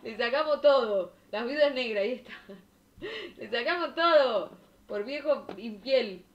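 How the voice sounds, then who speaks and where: A young woman from Argentina with a Rioplatense accent, reacting to viewer stories on a stream in an expressive, slangy way. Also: fairly high pitch, unhurried, highs cut off. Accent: Rioplatense Spanish. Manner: expressive, slangy, laughing and exclaiming. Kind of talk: casual chat reacting to stories.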